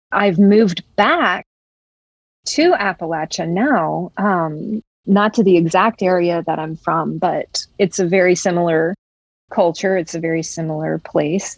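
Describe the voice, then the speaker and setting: A young woman from West Virginia who grew up in Florida talks reflectively as a podcast guest in casual conversation, using lots of "like." Her fairly low voice is a little slow, captured in a dry but poor-quality recording.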